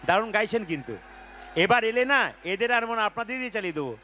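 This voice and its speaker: A man preaching between devotional kirtan songs, energetic and urging the crowd to chant along. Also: sits high, quick pace. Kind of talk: devotional kirtan with spoken sermon and call-and-response chanting. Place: large outdoor devotional gathering with crowd. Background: folk music with tabla.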